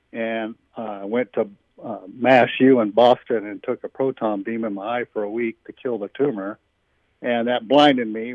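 A man's voice: medium pitch, no echo. Man on a tinny phone line. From Missouri. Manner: plain, conversational, frequent "uh" and "you know". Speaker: interviewee, army veteran. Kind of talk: recorded interview clip.

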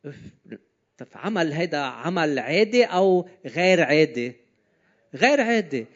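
A man's voice: on the high side, big pitch swings, normal speed. A man with a Levantine, Lebanese Arabic accent gives an informal sermon, talking conversationally and often putting questions to his listeners. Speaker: preacher. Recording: slightly dull, lo-fi sound.

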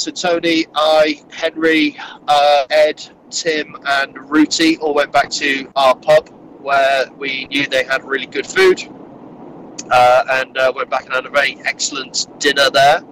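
In a moving car, a podcast co-host with a head cold recounts a wargaming tournament, sounding nasal and rambling casually through filler-heavy restarts as he drives. His mid-range voice is steady and fairly bright at normal speed, and the low-quality recording carries slight background noise.

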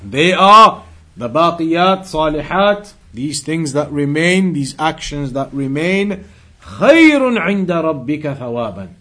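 This man teaches an Islamic lesson a little fast, in a fairly bright, higher voice with big swings in pitch. He recites Arabic quotations, then explains in English, driving points home by saying them again in different words.

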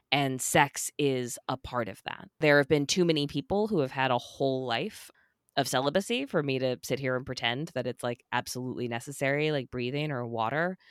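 A woman's voice: rumbling low, clear, resonant tone, dry recording, studio quality. A woman guest on a podcast interview, talking animatedly and emphatically, often checking in with "right?". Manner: animated, emphatic, keeps tagging points with "right?". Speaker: guest, sex worker rights advocate.

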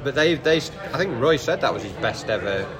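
Outdoors by a canal before an away match, a man co-hosts a casual podcast chat over busy crowd noise. His medium-pitched voice is expressive and moderately paced, and he rambles hesitantly, restarting his sentences often.

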